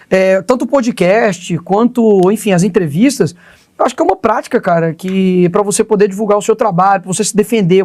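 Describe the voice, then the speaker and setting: A man's voice: high-pitched, a little mellow. A man in his twenties with a Brazilian accent, a politician answering podcast questions in a combative, slangy way. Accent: Brazilian Portuguese. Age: 20s. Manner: fast, combative, conversational with slang. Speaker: politician guest. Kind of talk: podcast interview.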